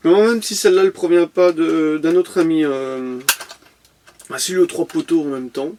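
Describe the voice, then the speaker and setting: Male vlogger, fairly high voice, rambling unboxing chat. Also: normal speed, a little mellow. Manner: chatty, with frequent fillers and restarts. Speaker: toy car collector vlogger. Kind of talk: casual unboxing vlog.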